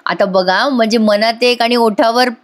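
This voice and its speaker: Woman reviewer, chatty voice-over, talks straight to viewers, fairly high voice. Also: steady tone, normal speed. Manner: chatty, addresses viewers directly. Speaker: TV serial reviewer.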